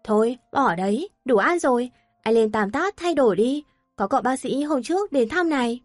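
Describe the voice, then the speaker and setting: A flustered, excitable country mother in an audio story, voiced by a woman narrator. She speaks in a hurried, fussy rush with a high voice. The sound is dry and close. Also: no echo, faint music behind. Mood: calling.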